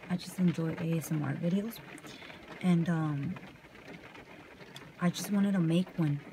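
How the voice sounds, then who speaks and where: A young woman from California chatting softly and casually in ASMR style while brushing her hair in a parked car at night. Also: on the low side, slight background noise, poor audio. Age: young adult. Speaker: vlogger. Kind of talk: soft-spoken ASMR chat. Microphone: camera close up.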